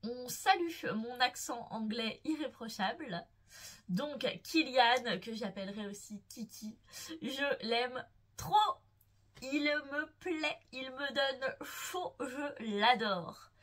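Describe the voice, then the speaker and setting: A woman's voice: high voice, takes it slowly, a bit bright. A young woman hosting a book vlog who gushes playfully and swoons as she talks about her favorite characters. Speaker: book vlogger. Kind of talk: casual enthusiastic book chat.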